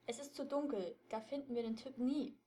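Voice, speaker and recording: Lady reading as a calm teen boy sleuth, matter-of-fact, kinda high. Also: brisk, lightly acted. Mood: calm, defensive. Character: calm, observant teenage boy detective.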